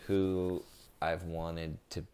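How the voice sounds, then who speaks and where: A man's voice: low-pitched, flat delivery, very slow, a little mellow, smooth. A young man in casual podcast chat with his partner, rambling with lots of "like" fillers and talking openly about feelings. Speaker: podcast co-host.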